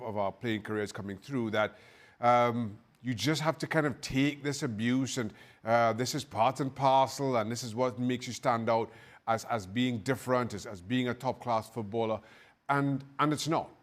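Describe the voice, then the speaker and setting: Male former player on the panel, mid-pitched, firm and emphatic. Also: moderate pace. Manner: emphatic, stressing his firm convictions. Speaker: former footballer turned pundit. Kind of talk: studio panel discussion.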